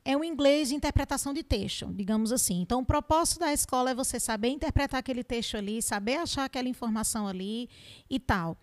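A woman English teacher with a Northeastern Brazilian accent, giving animated interview answers full of examples and rhetorical questions. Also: high voice, fast. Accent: Northeastern Brazilian Portuguese.

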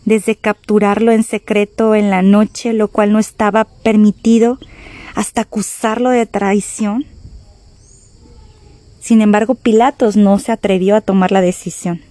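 A woman preacher delivers a sermon with dramatic emphasis, turning to her listeners with rhetorical questions. Her voice is warm and mellow. The recording is dry, with no room sound. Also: mid-range voice, flat delivery, a little slow, dry recording.

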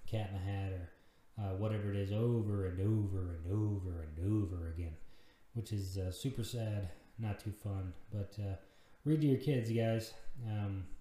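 A man's voice: fairly low pitch, mellow. A man in his thirties hosting a casual solo podcast, rambling and self-deprecating, swearing freely. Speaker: podcast host. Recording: very echoey room.

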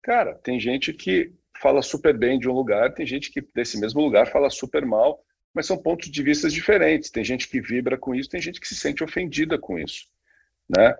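A man's voice: medium pitch, animated, normal speed, gravelly, slightly rough, muffled recording. A man co-hosting a casual talk, speaking with many fillers and restarts. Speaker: podcast co-host. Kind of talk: casual conversation on branding.

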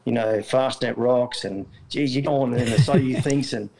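A middle-aged Australian man, a retired jockey, talks casually in an interview, rambling and correcting himself with plenty of fillers and restarts. His voice sits in the mid range at a moderate pace, creaky and a little mellow. The audio quality is poor.

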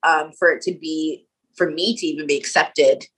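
Low-pitched bright-voiced woman, casual guest. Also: steady tone, moderate pace, slightly rough, low-quality recording. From Canada (Nova Scotia). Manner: casual, many "like" and "um" fillers, laughs often. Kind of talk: casual interview talk.

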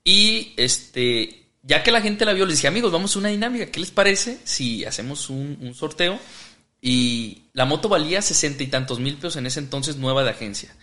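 A man's voice: a little high, expressive, normal speed, sharp tone. A man, a motorcycle vlogger guest, telling a story in casual chat and acting out the quoted lines. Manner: laughs often, acts out quoted dialogue.

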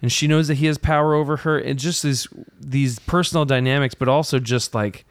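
A man's voice: medium pitch, fairly even intonation, brisk, clean tone, no room sound. A man hosting a podcast, chatting casually and enthusiastically about a film and sharing trivia. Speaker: podcast host.

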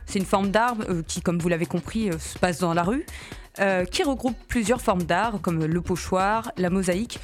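A woman's voice: lowish voice, moderate pace, faint music behind. Young woman hosting a radio show. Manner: friendly, relaxed, frequent fillers. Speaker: radio host.

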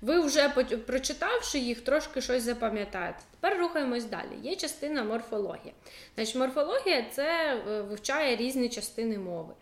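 A woman's voice: high voice, expressive, fairly quick. Chatty woman teacher in an echoey room. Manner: chatty, loose, with many fillers and asides. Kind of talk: casual explanatory lesson.

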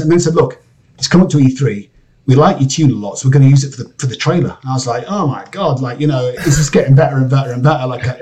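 A Scottish man, a game composer, chatting in an interview, excitable and rambling with many restarts. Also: medium pitch. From Scotland. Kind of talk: casual interview chat. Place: home studio area, lives in LA.

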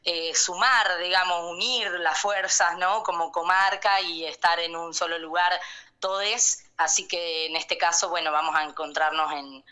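An Argentine woman heard through a phone on speakerphone, her voice low-pitched yet bright and forceful. She speaks in earnest with frequent hesitations and restarts, a guest on a radio call. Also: fairly even intonation, a little slow. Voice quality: hesitant, many fillers and restarts. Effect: on speakerphone over a phone line.

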